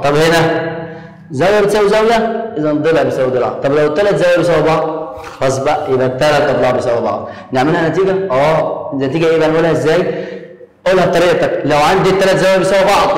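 A man with an Egyptian Arabic accent teaching a math lesson in a quick, conversational way, voicing his students' questions himself. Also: fairly high pitch. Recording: echoey room with long reverb.

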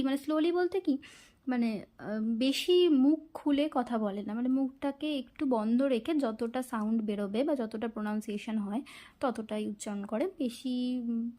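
A woman's voice: on the high side, warm tone. A woman from India with a Bengali accent, chatting casually in her kitchen and telling a story while she cooks, with frequent fillers. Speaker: vlogger. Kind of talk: casual chat while cooking. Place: home kitchen.

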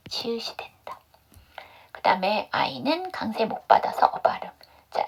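A woman's voice: medium pitch, gravelly, husky. A woman teaching English pronunciation in an online class, drilling step by step by asking questions and answering them herself. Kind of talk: online phonics lesson.

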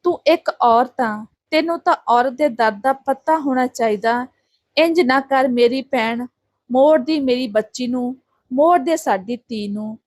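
A woman's voice: sits high, unhurried, darkish tone, no room sound. A woman voicing a distressed Sikh village father who begs and pleads through tears. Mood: pleading. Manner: begging, tearful appeals.

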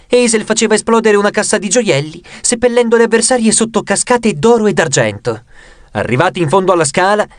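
A man's voice: no room sound, studio quality. A man reading an audiobook aloud, narrating expressively and raising his voice for the characters' lines. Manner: expressive, raises pitch for quoted lines.

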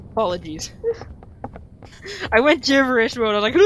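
A woman's voice: high-pitched, very animated, slow pace, a bit bright. A young woman chatting casually while playing a game, giggly and jittery, swearing playfully as her nerves get to her. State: jittery and shaky. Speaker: gamer recording a video. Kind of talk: casual gaming chat. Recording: clear background noise.

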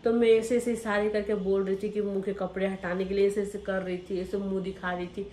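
Speaking briskly in a warm, mid-range voice with a level tone, a young woman addresses viewers directly while recounting her life. She gets emotional and acts out what happened. There's slight background noise and a roomy echo on the audio.

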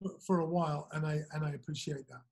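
A man hosting an interview over a video call, speaking in a hesitant, halting way with many fillers. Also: a little high, fairly even intonation, gravelly. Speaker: interviewer, host. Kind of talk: conversational interview. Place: small indoor room, video call. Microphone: webcam on a video call.

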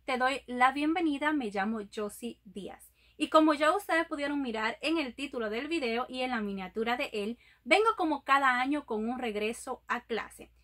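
A young woman with a high, bright-pitched voice talks straight to camera in a casual vlog. She speaks affectionately and chattily to her viewers, calling them her loves. The sound is close and clean. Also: lively intonation, moderate pace. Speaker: YouTube vlogger. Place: indoors in front of a green sequin backdrop.

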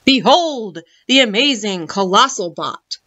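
A woman's voice: medium pitch, animated, unhurried, pushed and bright, no echo. A woman reading aloud voices a proud, fussy male toy-store shopkeeper who announces his goods with showy flair, heard through muffled lo-fi audio.

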